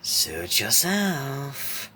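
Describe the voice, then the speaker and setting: A man doing a raspy whispering killer clown. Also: mid-range voice, very animated, pushed and bright, voice pushed up, exaggerated voice. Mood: mocking. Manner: hissed whisper, slow and mocking. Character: sinister monstrous male clown, playful and cruel. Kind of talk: horror story reading.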